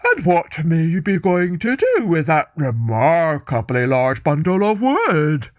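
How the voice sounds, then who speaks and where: A woman voicing a greedy, inquisitive male bear in a children's story, speaking slowly and politely. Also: low voice, huge pitch swings, no echo, clean studio sound, exaggerated voice. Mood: curious. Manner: slow, wheedling, polite.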